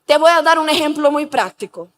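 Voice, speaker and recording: High-voiced woman pastor preaching. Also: lively intonation, fairly quick. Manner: calls for the congregation to repeat after her; asks rhetorical questions. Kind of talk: sermon with storytelling.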